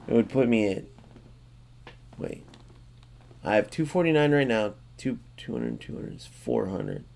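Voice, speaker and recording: A gaming channel host chats casually with viewers, calling them guys and muttering sums under his breath as he tallies points. His mid-range voice swoops wildly in pitch, moving at a measured pace with a gravelly, slightly mellow quality.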